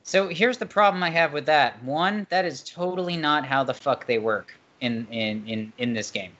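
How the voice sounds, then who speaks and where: A man hosting a casual gaming chat, with a bright, forceful voice pitched a little high. He reads out game blurbs and swears freely. The stream audio is dull and lo-fi. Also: normal speed. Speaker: host.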